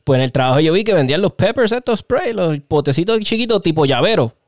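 A man hosting a casual podcast chat, telling stories with lively acted-out reactions. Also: sits high, fast, no echo. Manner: animated storyteller, acts out reactions. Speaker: podcast host.

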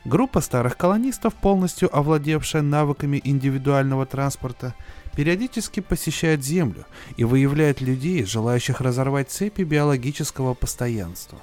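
A man narrating a first-person science fiction audiobook in a measured, even reading voice with slow pauses. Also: medium pitch, faint music behind.

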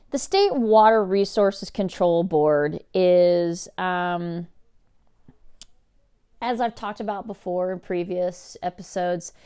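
A woman's voice: on the low side, a little mellow. A woman from California hosting a podcast, talking in a casual monologue full of swearing, jokes and side-tracks. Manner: profane, joking, self-interrupting asides. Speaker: podcast host.

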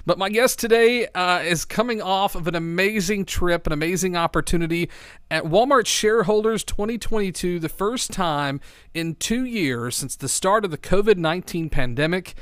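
A man's voice: high-pitched, moderate pace, fairly bright tone, smooth, no room sound, clean studio sound. A man hosting a podcast interview, upbeat and enthusiastic, talking with a slight lisp from a bitten tongue. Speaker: podcast host. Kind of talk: casual interview chat.

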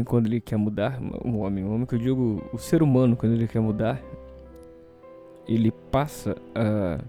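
Brazilian male host, hungover, mid-pitched and very dark-toned, hesitant rambling monologue, music behind. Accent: Brazilian Portuguese. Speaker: solo show host.

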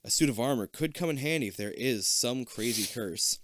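A man's voice: medium pitch, lively intonation, normal speed, a bit bright, slight background noise. A man casually reading an adventure gamebook aloud, with joking asides. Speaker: reader.

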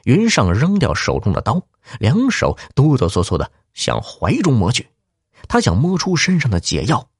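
A man's voice: dry recording, clean studio sound. A man telling a martial-arts story to children, narrating dramatically. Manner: dramatic, highly animated narration.

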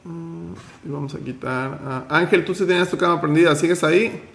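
Firm gravelly man hosting a workshop. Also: on the high side, fairly even intonation, brisk, a bit bright, roomy sound, slight background noise. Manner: firm, direct, gives instructions. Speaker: host of an online finance workshop. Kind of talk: motivational teaching and roll call.

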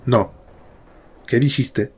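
A man's voice: medium pitch, fairly even intonation, extremely slow, slightly rough. A man voicing a nervous fifteen-year-old boy who answers warily and scared in a horror story reading. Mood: wary.

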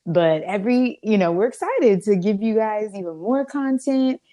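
A woman's voice: medium pitch, animated, normal speed, dark tone. A woman co-hosting a podcast, speaking earnestly and reflectively in casual chat. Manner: earnest and reflective, with frequent restarts and laughter. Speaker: podcast co-host and radio host.

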